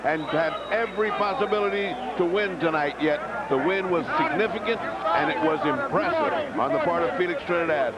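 A man's voice: high-pitched, animated, normal speed. An older American man working as a boxing analyst and interviewer, explaining the fight. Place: boxing ring in a crowded arena. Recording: very noisy dull tape, loud crowd.

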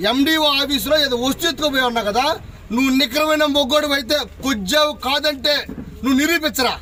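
Man, press conference tirade, high pitched, slight background noise. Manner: furious, shouting insults and challenges. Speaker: local elected official. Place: press meeting.

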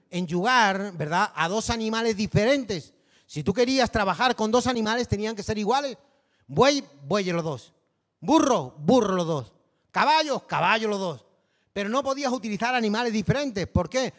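High-voiced Canarian pastor preaching. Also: male voice, big-room sound. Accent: Canary Islands Spanish. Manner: conversational preaching, peppered with rhetorical tags. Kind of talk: sermon.

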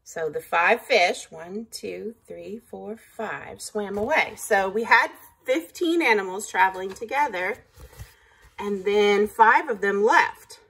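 A woman's voice: mid-range voice, gravelly, a bit bright, breathy edge. A woman reading a picture book aloud like a teacher, patiently stopping to count along.

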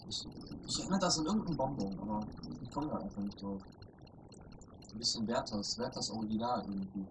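A man's voice: mid-range voice, quick pace, far from the mic. A man in casual chat, speaking hesitantly with a hookah hose at his lips, searching for words. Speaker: co-host of a shisha tobacco review. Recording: clear background noise.

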